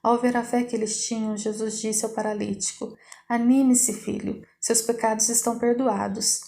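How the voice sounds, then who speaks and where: A woman reads scripture aloud at an even, steady pace. Her voice sits a little high but stays flat, with a gravelly edge and a mellow, dark tone. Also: moderate pace. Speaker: Bible reader. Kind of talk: scripted Bible reading.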